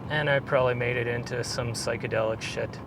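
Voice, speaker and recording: A man's voice: medium pitch, fairly even intonation, brisk. A man chats casually to viewers in a laid-back, rambling way as he narrates a drive. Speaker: vlogger filming a drive. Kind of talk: casual driving vlog narration, chatting to viewers. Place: inside a moving car. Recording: clear vehicle noise. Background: car and road noise.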